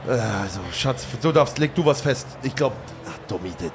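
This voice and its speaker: A man hosting a live podcast with casual, excitable, joking banter from a booth inside a beer tent. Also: mid-range voice, moderate pace. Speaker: podcast host. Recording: loud background noise. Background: noisy crowd ambience.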